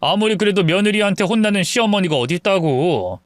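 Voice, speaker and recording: A soft-spoken husband, coaxing and apologetic as he smooths things over, played by a man in his own fairly high voice that still moves a lot in pitch. The sound is close and dry. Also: expressive, brisk, dry recording. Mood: placating. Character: placating husband caught between wife and mother.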